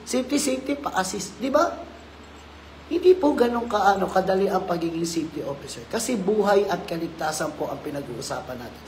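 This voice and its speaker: Man, Filipino accent, safety officer, training talk, fairly high voice, lively emphasis, faint background noise. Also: rough recording. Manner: lively, swings between loud emphasis and low asides, mixes Filipino and English.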